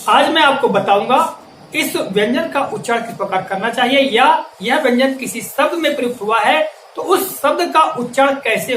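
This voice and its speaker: A man teaching a grammar lesson, carefully spelling out sample words with deliberate, emphatic enunciation. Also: very high-pitched, a bit bright. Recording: echoey room, voice from a distance, faint ambient hiss.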